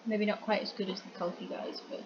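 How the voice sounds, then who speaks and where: Woman, chatty film review, fast talker, throat a bit rough from hay fever, dull lo-fi sound. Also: mid-range voice, flat delivery. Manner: chatty, quick to interject, swears casually. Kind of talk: casual chat. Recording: dull lo-fi audio with noisy background.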